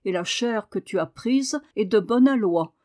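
A woman voicing a kindly, puzzled male doctor in an audiobook, gentle and reassuring. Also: medium pitch, expressive, a little slow, close to an everyday voice. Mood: soothing. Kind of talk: audiobook reading.

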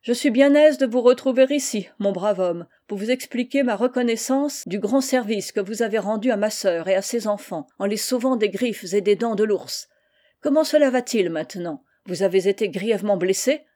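A woman reading aloud and voicing a hearty, warm-hearted older male general, speaking out loudly. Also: mid-range voice, moderate pace, natural voice. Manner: hearty, exclamatory.

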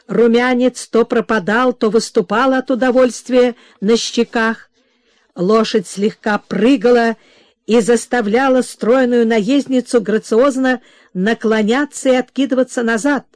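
A woman narrating a classic novel as an audiobook in a measured, expressive way. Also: on the high side, dry recording, studio quality. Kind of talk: scripted literary narration.

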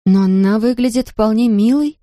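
A woman voicing a kind, tired young nanny who talks to children gently and patiently. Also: mid-range voice, a little fast, no room sound, studio quality, natural voice. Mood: gentle.

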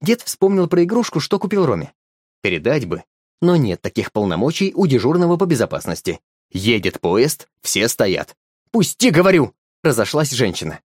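A man narrating a storybook in a lively, expressive reading. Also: mid-range voice, normal speed, no room sound, clean studio sound.

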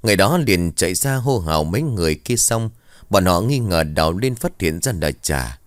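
A man's voice: deep voice, lively intonation, a little fast, dry recording. A man narrating a ghost story in a dramatic storytelling manner.

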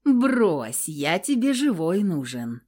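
A woman's voice: fairly low pitch, very animated, takes it slowly, darkish tone, full character voice. A woman voicing a cocky young male warlock who talks smugly and without a care, in a read-aloud story. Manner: smug, drawling, unbothered.

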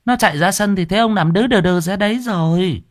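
Catty third wife, played by a man, shrill and sour, raised pitch. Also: brisk, dry recording, clean studio sound, close to an everyday voice. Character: sharp-tongued scheming third wife.

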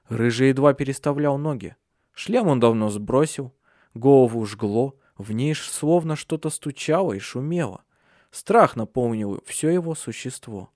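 A man narrating a dark fantasy audiobook in a measured, expressive reading. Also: mid-range voice, no echo, clean studio sound.

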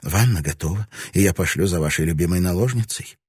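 A male reader voicing a composed noblewoman who speaks quickly in a level, formally polite tone. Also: sits low, a little mellow, husky, no echo, studio quality. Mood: cool, polite. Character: composed noblewoman, cold and defiant. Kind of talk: audiobook character reading.

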